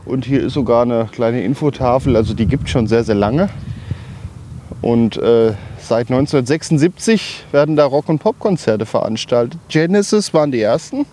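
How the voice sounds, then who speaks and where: A man's voice: medium pitch, animated, moderate pace, dark tone, slight background noise. A man hosting a hiking podcast outdoors, explaining things in a casual, conversational way as he walks. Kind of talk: casual on-location commentary.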